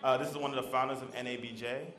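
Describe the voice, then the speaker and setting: A man's voice: mid-range voice, little pitch movement, fast, noisy background. Man giving formal remarks in an echoey hall. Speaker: government official giving remarks.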